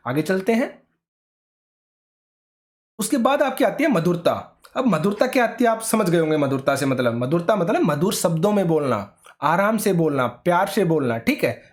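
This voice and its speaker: A man teaching an online exam-prep lecture, explaining step by step and often checking in with his students. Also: high voice.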